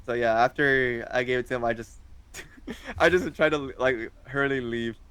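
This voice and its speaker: A man's voice: medium pitch, moderate pace, a bit bright, clean tone, dry recording. A young man in his twenties, chatting casually as an interview guest, hesitant and full of fillers. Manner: hesitant, rambling with many fillers.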